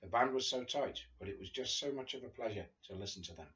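Sitting on a sofa in a small living room, a guest reader (an English man in his fifties) reads from a memoir in a casual, amused manner. He speaks quickly at a medium pitch with a slightly bright sound, captured through dull, lo-fi video call audio.

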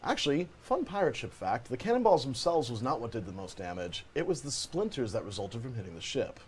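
A man's voice: mid-range voice, big pitch swings, fairly quick, a little hiss or hum. A man giving live stream commentary while demonstrating a game, chatty and joking as he narrates his own moves. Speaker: game demo presenter.

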